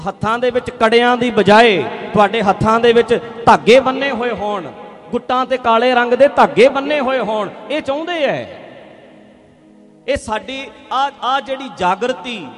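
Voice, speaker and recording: The sound is that of a big room, where a man with an extremely high-pitched voice preaches fervently on religion. Emphatic throughout, he fires off rhetorical questions and moves back and forth between loud and hushed passages.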